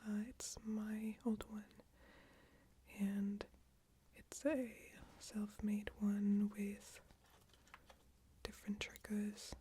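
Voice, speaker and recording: Hushed, slow, whispering ASMR woman. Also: mid-range voice, level tone. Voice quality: hushed, breathy, mostly whispered voice. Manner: hesitant, self-deprecating, casual. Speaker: ASMR video creator. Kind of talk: soft-spoken ASMR bedtime ramble. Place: small closed room with screens and a PC. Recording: faint background noise, occasional crackles and clicks. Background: occasional crackling from screens and PC.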